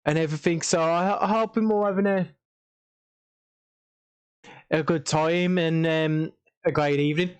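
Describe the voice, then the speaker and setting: Tired man streaming, fairly high voice. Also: steady tone, unhurried, long pauses, smooth. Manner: rambling, repeats stock phrases, many ums and restarts. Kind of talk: casual livestream chat.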